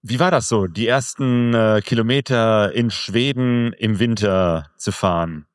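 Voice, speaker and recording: A man's voice: fairly low pitch, unhurried, no echo, studio quality. Curious male interviewer. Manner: curious, follows up with questions. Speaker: interviewer, podcast host. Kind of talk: conversational interview.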